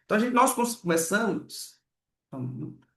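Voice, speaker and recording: A man's voice: sits high, animated, fairly quick, gravelly, fairly bright tone. A man, teaching how letters map to sounds. He often asks "né" and acts out each sound. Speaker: literacy teacher. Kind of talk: explanatory lesson with sound demonstrations. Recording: echoey room.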